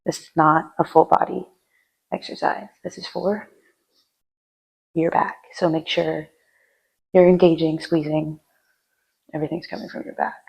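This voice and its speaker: Chatty woman with a gravelly, husky voice. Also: deep voice, flat delivery, a little slow, long pauses, a little mellow, rough recording. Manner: chatty, rambling, with fillers. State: out of breath between sets. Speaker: fitness vlogger. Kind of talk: casual gym vlog with lifting tips. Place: gym.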